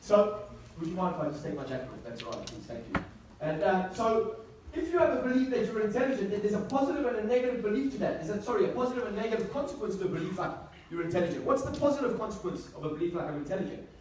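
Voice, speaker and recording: Rapid-fire and animated, a South African man with a high, somewhat mellow voice gives a motivational seminar talk, hammering key phrases and throwing out rhetorical questions to the crowd. The recording is echoey, distant, and faintly noisy, from an indoor venue.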